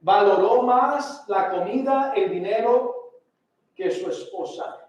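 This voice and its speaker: A male pastor preaching a sermon, emphatic, slowing down and dropping to a hush to stress his words. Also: high-pitched. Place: church sanctuary. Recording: very echoey sanctuary from far off.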